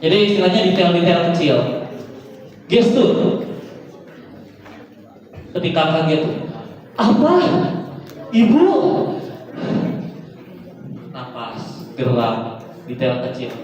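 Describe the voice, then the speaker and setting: A man giving lively, joking feedback to student actors as a theatre judge, acting out lines as he goes. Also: a little high, slow, pauses often. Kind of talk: spoken critique to students. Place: school hall stage. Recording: echoey hall, far from mic.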